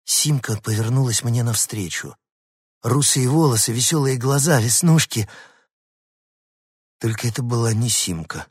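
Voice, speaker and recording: A man narrating a storybook aloud in the first person, lively and expressive. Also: mid-range voice, a little slow, pauses often, husky, no room sound, studio quality. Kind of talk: audiobook storytelling as the dog.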